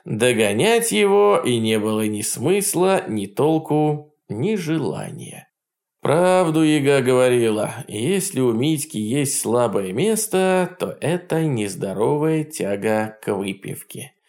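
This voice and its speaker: A man reading a first-person story aloud as an audiobook narrator, in a wry, lively storytelling manner. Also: mid-range voice, takes it slowly, gravelly.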